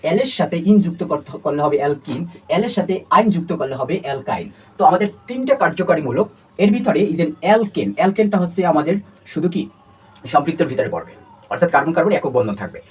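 A man's voice: on the high side, a little mellow, breathy edge. A man teaching a chemistry lesson. He talks to his students, asks them questions and drills terms by repeating them over and over. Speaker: chemistry tutor. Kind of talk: classroom lecture. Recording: distant mic with faint background noise.

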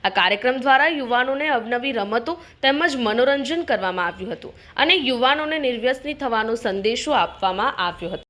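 A woman's voice: on the high side, brisk, hardly any pauses. Formal Gujarati woman reading the news. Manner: formal, even newsreading delivery. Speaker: news reader. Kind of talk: scripted news bulletin reading.

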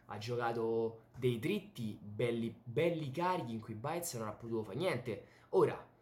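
A young man with an Italian accent giving an excited, emphatic, casual sports recap to camera in a home room. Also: mid-range voice, a little slow. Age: young adult. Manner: excited, animated, emphatic with repeated words. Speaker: YouTube tennis commentator and host. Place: small home bedroom, indoors. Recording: roomy, echoey home room.

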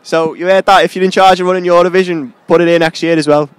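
A man's voice: high-pitched, fairly even intonation, clean tone, dry recording. Young man, street interviewer, handheld mic outdoors, upbeat. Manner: cheery, quick questions, laughs often. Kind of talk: vox pop street interviews. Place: outdoor plaza by an arena, busy street.

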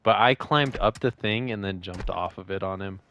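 A young man chatting casually over a game in a slangy, excitable frat-bro manner. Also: deep voice, normal speed, slight background noise. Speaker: gamer playing with a friend. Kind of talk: casual gameplay chat.

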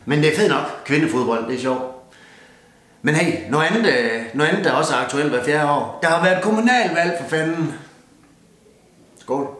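A man's voice: fairly high pitch, animated, pauses often, fairly bright tone. Rowdy swearing Jutlandic man, roomy echo. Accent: Jutlandic Danish. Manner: swears constantly, blunt and rowdy, toasts with a beer. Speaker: comedian doing a mock New Year's speech. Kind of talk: crude comic rant.

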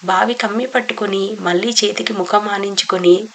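A woman narrating a novel as an audiobook, with steady, even storytelling. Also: medium pitch, moderate pace, poor audio.

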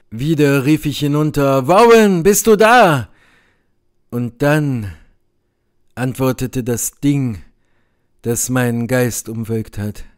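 A man reading a horror story as an audiobook in a measured, grave manner. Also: medium pitch, darkish tone. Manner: slow, measured, grave delivery. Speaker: audiobook reader. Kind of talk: dramatic audiobook narration.

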